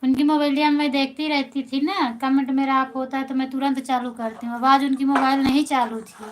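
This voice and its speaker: A woman's voice: high voice, little pitch movement, brisk, noisy background. A woman folk singer with an Awadhi accent, chatting casually with viewers on a phone live stream, answering them by name and reassuring them.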